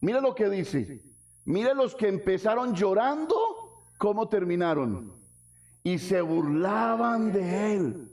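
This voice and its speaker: Man, pastor, sermon, high voice, calls out questions to the congregation. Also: sing-song, takes it slowly. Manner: preaching with rhetorical questions to the congregation; swings from soft low lines to shouted high ones.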